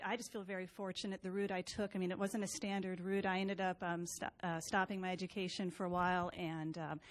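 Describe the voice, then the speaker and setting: A middle-aged woman from the Los Angeles area, a NASA scientist telling her story on a panel in a chatty, self-deprecating way. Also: lowish voice. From Los Angeles area, USA. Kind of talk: panel talk, personal story.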